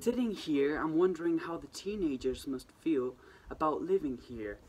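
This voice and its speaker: A teenage man from Iceland, narrating a short documentary and interviewing friends in a chatty, lively way. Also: on the high side, normal speed, over music. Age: teens. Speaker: host.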